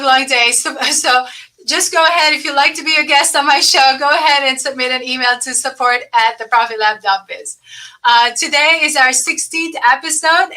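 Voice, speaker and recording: Bright-voiced woman podcast host. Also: on the high side, low-quality recording. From Lebanon. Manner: halting, many fillers and restarts. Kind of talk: casual interview chat.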